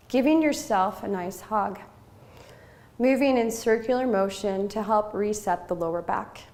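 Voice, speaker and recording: Speaking at a medium pitch with a darkish timbre, a female yoga teacher leads guided relaxation, pausing between each brief, calm and measured phrase.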